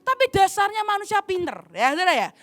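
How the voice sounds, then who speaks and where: Animated high-voiced woman preaching. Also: fast, dry recording. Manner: animated, addresses audience as "saudara". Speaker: evangelist preacher. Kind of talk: sermon storytelling with acted dialogue.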